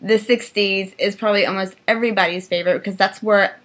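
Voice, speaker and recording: A woman's voice: mid-range voice, steady tone, fast, a bit bright. A young woman co-hosting a book vlog, chatting casually through a tag and often laughing. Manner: giggly, bursts into laughter. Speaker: book vlogger co-host. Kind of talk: casual chat answering a tag.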